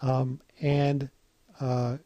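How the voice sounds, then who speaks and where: A man of middle pitch leads a writing workshop in a loose, conversational way. He fills his pauses with frequent ums and uhs. The recording is dry and close, with no room sound. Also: no echo, lo-fi sound. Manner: relaxed and chatty, often pausing with um and uh. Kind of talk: casual online teaching.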